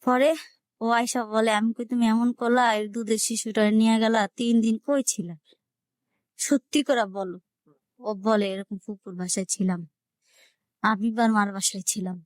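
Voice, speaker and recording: A woman speaks at a fairly high pitch with fairly even intonation, a normal speed, and long pauses, with no room sound. With a colloquial Dhaka-area Bangladeshi Bengali accent, she tells her own life story with emotion, acting out quoted conversations in dialect as she goes.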